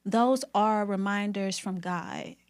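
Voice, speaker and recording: Woman hairstylist guest, mid-pitched, emphatic and candid, preaching her story. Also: steady tone, slow pace, smooth. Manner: emphatic, faith-filled storytelling. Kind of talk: candid conversation.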